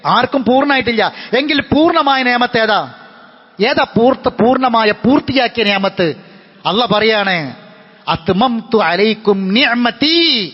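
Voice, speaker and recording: A man's voice: high voice, husky. A man preaching a Friday sermon, impassioned and full of repeated rhetorical questions. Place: mosque hall. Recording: echoey hall, dull lo-fi sound.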